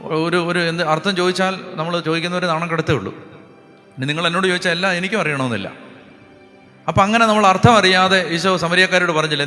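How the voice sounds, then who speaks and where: A priest preaching a sermon, often questioning the congregation and moving between loud proclamation and quiet asides. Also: male voice, high-pitched. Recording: long hall reverb with faint music behind.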